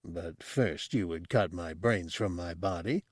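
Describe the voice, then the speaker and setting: A scheming, tentacle-faced alien crime boss talks in a subdued, guarded voice, quieter and a little lower than the narration, as a man acts him out. He is wary and fearful, a non-human figure in an audiobook. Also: unhurried, breathy edge, dry recording, studio quality.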